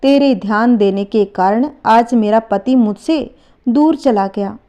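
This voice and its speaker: A woman's voice: a little high, measured pace, dark tone, lightly acted. A woman voicing an irritable young wife who speaks sharply and dismissively in a told folk tale. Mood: screaming.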